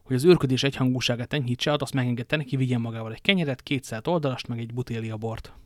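A man's voice: mid-range voice, dry recording. Man narrating an audiobook, dry sound. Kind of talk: scripted narration.

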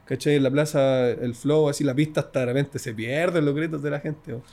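A young Chilean rapper talks in a loose, slangy way, full of local expressions, and now and then he imitates the crowd with shouts. His voice sits somewhat higher than most men's. It sounds like a relaxed interview conversation. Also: fairly quick. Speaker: freestyle rapper guest. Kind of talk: casual interview chat.

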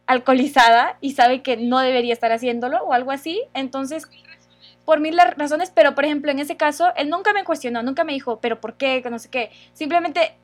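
A young woman telling a personal story in casual chat, conversational with frequent fillers. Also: sits high.

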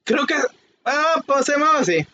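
A man's voice: very high voice, sing-song, moderate pace, pushed and bright, highs cut off, slight background noise. A young man with a Mexican Spanish accent, chatting casually and cracking wry, slangy jokes. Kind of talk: casual chat.

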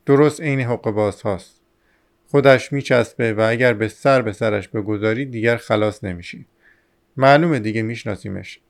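A man's voice: on the low side, creaky. A man voicing a burly village porter who talks bluntly and dismissively, in a resonant voice. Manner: blunt, decisive.

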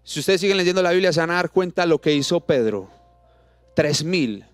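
A man with a Colombian Spanish accent preaching a sermon, throwing out rhetorical questions and dropping to soft, intimate tones for the words of scripture. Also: fairly high pitch, lively intonation, normal speed, no echo, soft background music. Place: church auditorium. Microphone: handheld microphone.

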